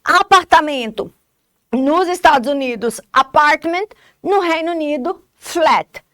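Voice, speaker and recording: A woman's voice: sits high, lively intonation, takes it slowly, a bit bright, no echo, studio quality. A woman with a Brazilian Portuguese accent teaching an English lesson, explaining step by step and often checking that students follow. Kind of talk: recorded classroom lesson.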